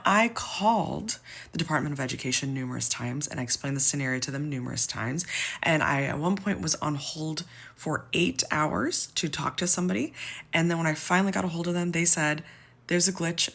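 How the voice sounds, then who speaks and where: A woman's voice: sits low, a little fast, creaky, a bit bright. A woman venting at length, frustrated and close to tears, in a personal vlog. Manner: frustrated, exasperated, near tears. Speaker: social media poster.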